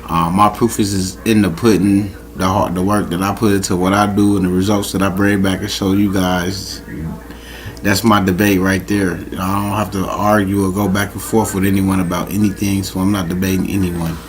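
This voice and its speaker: A man's voice: low voice, flat delivery, moderate pace. A man casually hosting a late-night livestream, talking in slang and repeating his greetings over and over to the chat. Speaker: livestream host. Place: home, late at night, dogs nearby.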